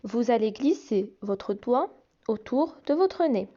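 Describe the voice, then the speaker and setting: A woman teaching young children to read, sounding out each syllable slowly and repeating it. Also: on the high side, lively intonation, dark tone, lo-fi sound. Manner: slow, deliberate, repeats and stretches each sound. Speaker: reading teacher. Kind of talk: slow phonics lesson for young children.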